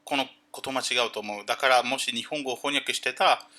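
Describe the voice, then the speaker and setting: A man chatting casually on a livestream, greeting viewers and explaining things haltingly with many fillers. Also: mid-range voice, steady tone, sharp tone. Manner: greets chat viewers by name.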